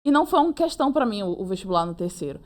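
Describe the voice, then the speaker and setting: This is a young woman being interviewed. She tells her story in a casual, lively way. She keeps slipping into acted-out quotes of her own and other people's words. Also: mid-range voice. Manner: animated, acts out her own and others' lines in quick reported speech. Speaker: interviewee, approved medical student.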